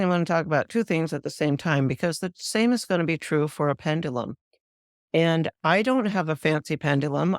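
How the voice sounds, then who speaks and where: A woman hosts her own spiritual podcast and talks listeners through a practice in a calm, measured way. Her voice is smooth and clear. The sound is dry and close, with no room in it. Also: low voice, dry recording. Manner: calm, measured, guiding explanations. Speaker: spiritual teacher, podcast host. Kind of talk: instructive solo talk.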